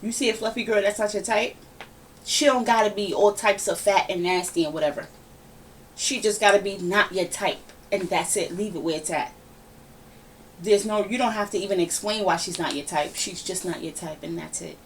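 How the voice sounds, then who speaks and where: A woman hosting a casual podcast, giving her opinions in a lively, ranting, conversational way. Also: medium pitch, normal speed. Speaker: podcast host. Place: home room, relaxed podcast setting. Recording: somewhat distant mic with faint background noise.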